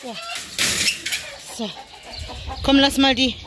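A woman's voice: high-pitched, fairly even intonation, slow. Chatty German woman on a farm. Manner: chatty, talks to animals and kids in a cooing voice. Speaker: vlogger. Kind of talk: casual farm vlog. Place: outdoors on a small farm. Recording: faint farmyard noise, chickens.

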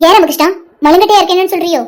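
A woman voicing a tearful, heartbroken young woman in an animated cartoon, pleading with a friend. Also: extremely high pitch, racing. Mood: hurt. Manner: pleading, protective.

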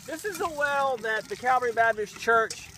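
Outdoors at a village well and a small new house, a middle-aged charity man vlogs casually into a handheld camera. His voice is extremely high, his pace moderate, and he sounds thankful and excited as he explains while walking. The background is noisy.

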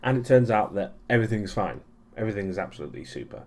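Talking fast in a sing-song way, a young man from Europe with a fairly low, darkish voice gives a loose weekly vlog recap. It's full of ums and restarts and has a dry sarcastic streak.

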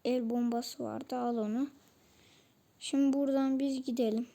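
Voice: mid-range voice, steady tone, moderate pace, gravelly, warm tone. A channel host giving casual commentary while playing a shooter game, chatting to viewers and grumbling about weapons.

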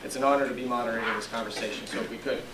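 A young man with a mid-pitched voice introduces a speaker at a podium, hesitant and full of "um"s and self-corrections. He speaks into a handheld mic in a lecture room. The recording sounds roomy and far off, with clear background noise. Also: fairly even intonation, very fast. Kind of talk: formal introduction. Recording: echoey room, distant camera mic, audible noise.

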